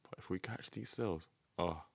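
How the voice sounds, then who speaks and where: A man's voice: low voice, moderate pace, gravelly, breathy edge, no room sound. A man giving casual, slangy live trading commentary as a streamer, talking directly to his viewers. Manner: slangy, addressing viewers as guys. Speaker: day trading streamer and teacher.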